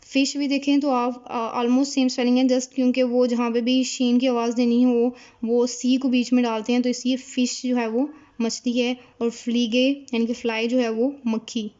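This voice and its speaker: A woman who speaks natively, teaching German vocabulary at a board, explaining slowly and repeating each word. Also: on the high side, little pitch movement, warm tone, dull audio. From Pakistan. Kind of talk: casual whiteboard lesson.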